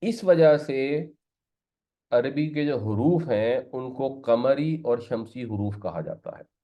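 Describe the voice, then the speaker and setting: A man teaching a lesson on Arabic grammar, explaining step by step and slipping English words into his talk. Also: medium pitch. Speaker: Quran teacher. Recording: slightly muffled lo-fi recording.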